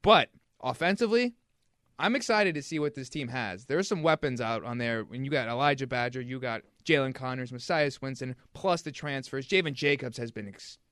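A man reporting on football practices in casual sports talk, frank and full of quick restarts. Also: medium pitch, a bit bright, dry recording, clean studio sound.

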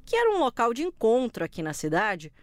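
A woman reporter narrating a documentary story in a lively, scripted storytelling voice. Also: on the high side, fairly quick. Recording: music playing behind.

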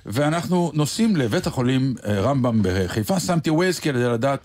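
A man hosting a radio show, telling a story in casual chat with hesitant pauses. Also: mid-range voice, big pitch swings, a little mellow. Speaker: radio host.

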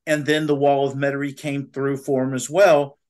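A man, a political analyst laying out his points one by one in an animated way. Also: mid-range voice, normal speed. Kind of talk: analytical commentary.

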